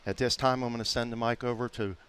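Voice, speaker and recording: A man's voice: mid-range voice, steady tone, fast talker, fairly bright tone, clean tone. A man announcing at a race, chiming in supportively alongside his co-announcers. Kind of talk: live race commentary.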